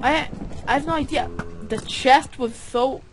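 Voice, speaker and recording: A man's voice: extremely high pitch, measured pace, fairly bright tone, slight background noise. A man chatting while gaming, confused and complaining, swearing at times. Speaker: co-player. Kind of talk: casual gaming chat.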